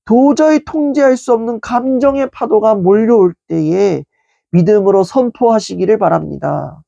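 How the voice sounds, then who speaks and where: A pastor giving a calm, measured sermon at an online prayer meeting, slowing down and softening the voice for quoted words. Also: mid-range voice, creaky, no echo, dull audio. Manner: calm, measured preaching with soft, slowed quotations.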